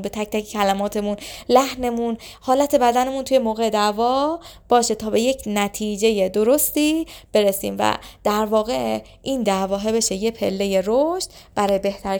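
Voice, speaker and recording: Gravelly-voiced woman giving relationship advice. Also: medium pitch, darkish tone. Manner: instructive, acts out short example lines of couples arguing. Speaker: relationship advisor. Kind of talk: advice talk to camera.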